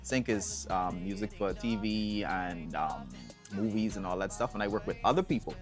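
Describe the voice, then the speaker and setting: A Bahamian man telling stories as an interview guest, relaxed and chatty, with bursts of excited whoops. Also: lowish voice, normal speed, faint music behind. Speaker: songwriter and environmental advocate guest. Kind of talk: casual interview answers.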